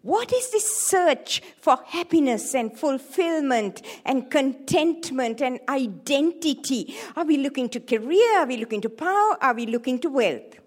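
Speaking at a measured pace with few pauses, this high-voiced Sri Lankan woman in her 70s is a sex therapist presenting a seminar. She jokes around in a lively way, tossing playful asides to the live audience filling the hall.

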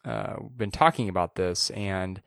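A man's voice: sits low, unhurried, vocal fry, clear, resonant tone, no echo, clean studio sound. A man co-hosting a podcast, chatting casually about tech news and often restarting his phrases. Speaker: podcast co-host.

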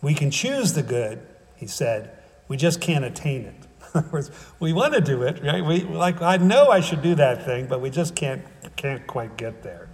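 A man's voice: mid-range voice, sing-song, normal speed, big-room sound. A man preaching a sermon in a casual, conversational way, with wry humor, often checking in with "right?" and "okay?".

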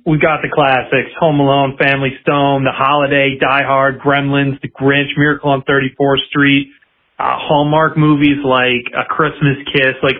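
A man calling in over a phone line to give a hyped, rapid-fire movie pitch. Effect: voice message over a phone line. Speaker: caller to a podcast.

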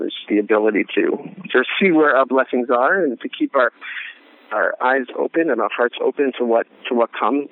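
A man in casual conversation who tells a joke and then reflects on it in a halting way, with many restarts. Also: medium pitch, no echo. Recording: dry tinny phone-like line.

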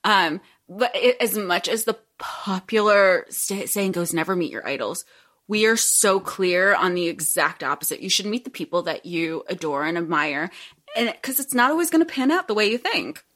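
A woman's voice: mid-range voice, expressive, normal speed, a bit bright. A woman co-hosting a casual podcast, talking in an effusive, rambling, emphatic way, recorded with echo away from her usual studio. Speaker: podcast co-host. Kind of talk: casual book and fandom podcast chat. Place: temporary recording spot while traveling.

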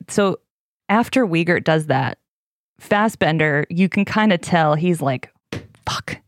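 A middle-aged woman hosting a podcast, retelling a case in casual chat. She gets animated and heated and swears often. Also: sits low, no echo, studio quality. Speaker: podcast host.

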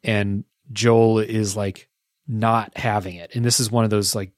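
A man's voice: on the low side, flat delivery, a little slow, no room sound, studio quality. A man hosting a podcast, chatting casually about a video game in a reflective, matter-of-fact way.

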